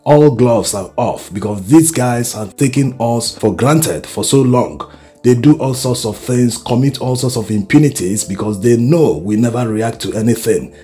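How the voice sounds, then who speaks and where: A Nigerian man presents pointed political commentary at a middling pitch, with music faintly underneath. He speaks emphatically, urging listeners on and driving his points home with rhetorical questions. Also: normal speed, warm tone. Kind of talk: opinionated political commentary to camera or voice-over. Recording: music behind the voice. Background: background music.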